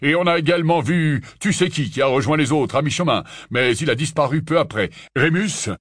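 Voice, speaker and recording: A man reading an audiobook, voicing a grave older wizard who speaks in a flat, measured way. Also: on the high side, no echo, studio quality, pitched above the performer's own voice. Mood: grim. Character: grave older male wizard, calm and weary.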